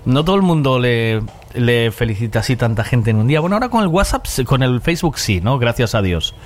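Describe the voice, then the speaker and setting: A man's voice: medium pitch, very animated, quick pace. Guy hosting a chatty radio show, always joking around. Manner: jokey, laughs often. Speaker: radio host. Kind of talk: casual radio chat.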